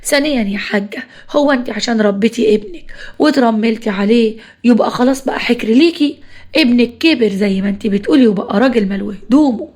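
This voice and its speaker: A woman's voice: on the high side, expressive, fast talker, darkish tone. A woman with an Egyptian accent who tells listeners' stories and gives frank advice in a lecturing way. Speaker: storyteller and advice-giver. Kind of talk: storytelling and advice.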